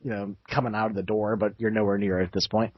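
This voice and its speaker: A man narrating as game master in a halting way, with many fillers, recorded on dull, dry lo-fi sound. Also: on the low side, flat delivery, no room sound.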